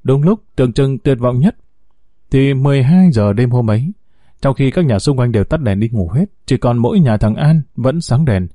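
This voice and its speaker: A man narrating a dramatic story in a steady, scripted way. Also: mid-range voice, normal speed, no echo, clean studio sound.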